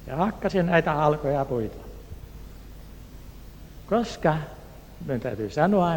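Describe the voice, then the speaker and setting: A man from Turku, Finland, telling a personal testimony in an earnest, unhurried way and acting out the voices of the people in his story. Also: on the high side, darkish tone. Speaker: speaker giving a personal testimony. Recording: echoey hall, faint background noise.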